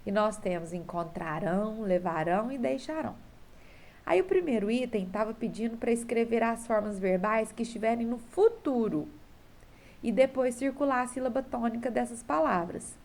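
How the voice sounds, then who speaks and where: Recording from home, a woman teacher with a Brazilian Portuguese accent patiently goes through a homework correction for her pupils, often adding a tag question to check they follow. Her voice is on the high side, darkish in tone, with lively intonation and a moderate pace.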